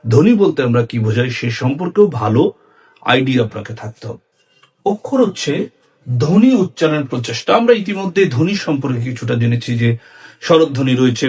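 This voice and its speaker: A Bangladeshi Bengali-accented man teaching a lesson on syllables in a clear, measured way, with lively rises and falls in his voice. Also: on the high side. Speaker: speech and debate instructor.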